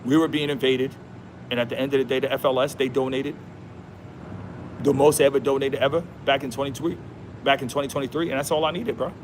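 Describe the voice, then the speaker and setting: A man's voice: mid-range voice, steady tone, quick pace, slight background noise. A man hosting a casual livestream outdoors. He talks in a slangy, emphatic, repetitive way and says "bro" a lot. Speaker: livestream host.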